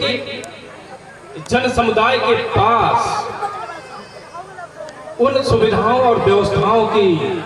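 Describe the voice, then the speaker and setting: A man playing a noble, dutiful king in Ramlila stage dialogue, speaking in a solemn, formal, oratorical way with deliberate pauses. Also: sits high. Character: noble, dutiful king of an epic, worried about an heir. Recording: echoey outdoor stage, distant mic, crowd noise.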